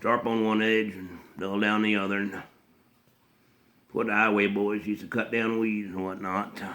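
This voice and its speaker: Taking on the role of a haunted, slow-witted backwoodsman, this man mumbles a halting, plainspoken dramatic monologue in a rural Southern US accent, adding throaty grunts and hums. His mid-range voice is bright and forceful, and the mood is flat and grim.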